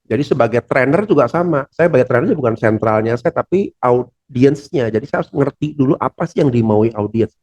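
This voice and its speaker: A man's voice: medium pitch, brisk, few pauses. A man giving a corporate training on presentation skills, acting out sample lines in shifting tones. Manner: lively, acts out example speeches in changing tones.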